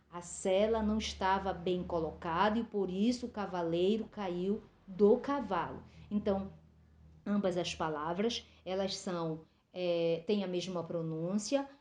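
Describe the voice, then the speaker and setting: A woman teaches a school grammar lesson at a steady, patient pace, checking understanding again and again. Her voice sits at a mid pitch, and the recording carries a noticeable room echo. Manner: explanatory, many "tá?" and "é" fillers. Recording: roomy echo.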